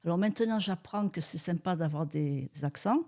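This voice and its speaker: A woman's voice: lowish voice, moderate pace, warm tone. An older woman with a southern French accent, telling stories as a guest in a chatty way with frequent laughs. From Tarn, southern France. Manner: chatty, laughs often, colloquial fillers. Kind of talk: relaxed storytelling interview.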